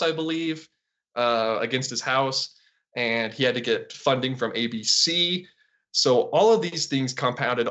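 A man's voice: mid-range voice, fairly bright tone. Chatty man on a slightly dull call. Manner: chatty, laughs often, with quick asides. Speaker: podcast co-host. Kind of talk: casual chat.

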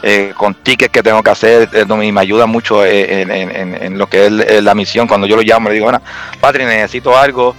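A man's voice: on the low side, level tone, brisk, fairly bright tone, faint music behind. A Puerto Rican man telling stories in casual chat, full of fillers and restarts. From Puerto Rico. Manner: storytelling with many fillers and restarts. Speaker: guest.

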